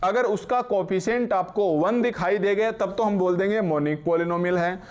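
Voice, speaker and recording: Man lecturing slowly on maths. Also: high-pitched. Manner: explains in Hindi with English terms, slow dictation, asks students questions. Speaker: maths teacher. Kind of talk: classroom lecture.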